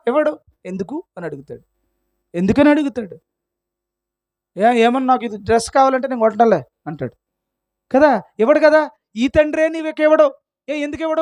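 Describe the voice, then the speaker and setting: A male pastor with a very high voice delivers a sermon, recorded dry with no room sound. He pelts the listeners with rhetorical questions and answers each one himself. He brings in everyday voices to drive his points home. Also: darkish tone, no room sound. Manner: acts out quoted voices in everyday scenes.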